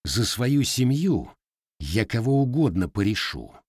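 A man's voice: medium pitch, sing-song, measured pace, a little mellow, breathy edge, no room sound, studio quality. A man voicing a terse, fierce young male Cossack scout in an audiobook, cool and menacing.

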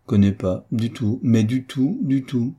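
A man voicing an excitable, self-important older woman housekeeper who talks in exclamations. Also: lowish voice, moderate pace, husky. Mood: surprised. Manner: exclamatory, fussy.

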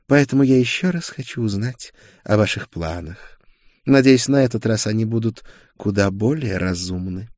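A man reads an audiobook, voicing a proud young witch whose manner is silky, mockingly polite, and scornful. His lowish voice is a little mellow and close to everyday speech, delivered at a moderate pace. The studio-quality recording has no echo.

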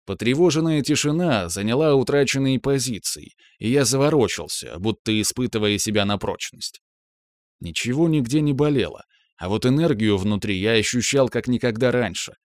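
A man reading a first-person audiobook story in a calm, reflective manner. His voice sits at a middle pitch, and the recording is dry and close. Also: normal speed, no echo. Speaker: narrator.

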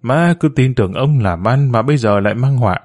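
A jealous, heartbroken mother speaks with bitter resentment, her voice close to tears, as a man reading the story puts her on. Her pitch sits in the ordinary middle range for a storybook reading. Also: expressive, fairly quick, darkish tone, close to an everyday voice. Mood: bitter, tearful. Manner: tearful, resentful scolding.

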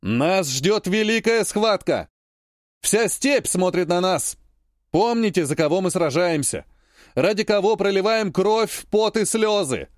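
A man's voice: sits high, expressive, a little slow, no echo. A male narrator voices a war lord stirring his troops in an audiobook, declaiming in a raised, sweeping voice. The delivery is dry and close-miked. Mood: rousing. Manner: rousing, declamatory speech.

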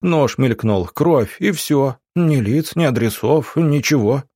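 A man voicing a frightened, whiny wounded patient who pleads in a strained, high voice for an audiobook. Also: animated, slow pace, warm tone, no echo, studio quality. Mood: pleading.

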